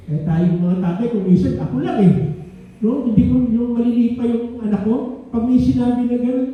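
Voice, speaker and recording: A man's voice: very high voice, normal speed, narrow, tinny audio. An older man, a grandfather, preaching a sermon in a conversational way, often checking in with the congregation. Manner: conversational preaching with frequent "No?" asides. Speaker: pastor. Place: church hall. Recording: echoey room from a distance.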